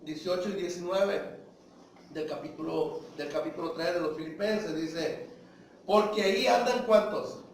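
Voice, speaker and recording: A man preaches a sermon in a church hall, calling his listeners brothers, posing rhetorical questions, and acting out short dialogues in different voices. His voice is fairly high and a little mellow with fairly even intonation and a measured pace. The hall is echoey, he sounds far off, and there is slight background noise.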